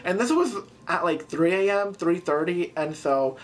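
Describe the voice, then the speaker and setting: A teenage girl excitedly retelling a scary night out in a casual storytime, with many fillers and sudden jumps in pitch. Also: normal speed. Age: teens. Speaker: vlogger.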